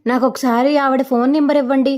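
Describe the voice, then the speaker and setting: A woman's voice: high-pitched, level tone, quick pace, darkish tone, pitched above the performer's own voice, lightly acted. A woman telling a serial's story, voicing an earnest young husband who presses an older woman for answers. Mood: insistent.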